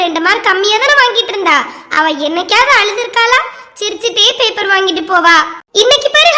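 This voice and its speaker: A woman's voice: very high-pitched, pushed and bright, full character voice. A woman with a Kanyakumari Tamil accent voicing a stern but kindly female schoolteacher who lectures and chides in a cartoon. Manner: lecturing, chiding. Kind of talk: cartoon voice-over.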